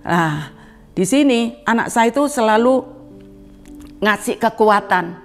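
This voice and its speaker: A woman's voice: lively intonation, slow pace, soft background music. An older woman giving an earnest spoken testimony in a church service, addressing the congregation directly and acting out remembered dialogue. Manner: earnest, addresses congregation as beloved brothers and sisters; acts out quoted dialogue with rising pitch.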